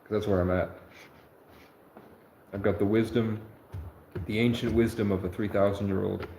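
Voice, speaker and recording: His voice is gravelly and dark, lowish in pitch, with fairly even intonation at a normal speed. He's a livestreamer in his twenties whose monologue wanders earnestly, with frequent self-corrections, recorded in an echoey room carrying faint noise.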